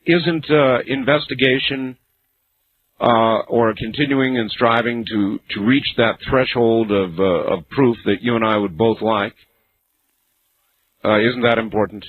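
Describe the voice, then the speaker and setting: A man hosts a late-night call-in radio show, and he takes his callers on in a relaxed, wry way. His voice comes through the narrow band of an old AM broadcast. A faint hiss sits under it. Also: mid-range voice, unhurried. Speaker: radio talk show host.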